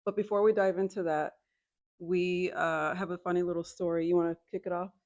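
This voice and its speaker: A woman co-hosting a casual chat podcast, her speech slightly muffled with a light lisp from clear aligner trays. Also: lowish voice, steady tone, a little fast, a little mellow, no echo. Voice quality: chatty, wine in hand. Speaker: podcast co-host.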